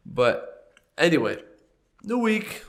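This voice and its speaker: A young man hosts a laid-back podcast, stuffed up and slightly nasal with a cold, cracking loose jokes and coughing from time to time. His voice sits a little high with a sing-song lilt, moving slowly, creaky yet somewhat bright.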